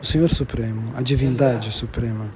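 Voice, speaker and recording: A man giving a devotional lecture to a gathering, repeating and restarting phrases and slowing down to stress key terms. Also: mid-range voice, steady tone, a crowd in the background. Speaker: religious lecturer.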